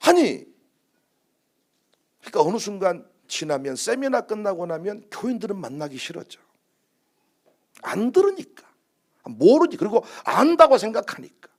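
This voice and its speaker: A man's voice: sits high, normal speed, long pauses. A man preaching a sermon as pastor, telling stories animatedly and acting out quotes. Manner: animated storytelling with acted-out quotes.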